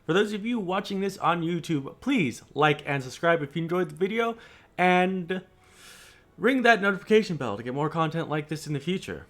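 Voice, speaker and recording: A man narrating a tabletop fantasy game as game master and host, with filled pauses between passages of description. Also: on the high side, lively intonation.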